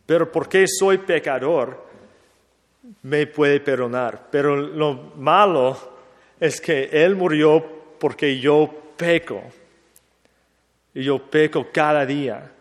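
A man, a priest, preaching a sermon in a slow, reflective way, asking himself questions and repeating them. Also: fairly high pitch, big-room sound.

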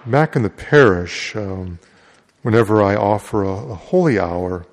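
Deep-voiced male priest in cathedral echo. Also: expressive, a little slow. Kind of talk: Gospel reading and homily. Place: large echoing church. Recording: cathedral-like echo, long hall reverb.

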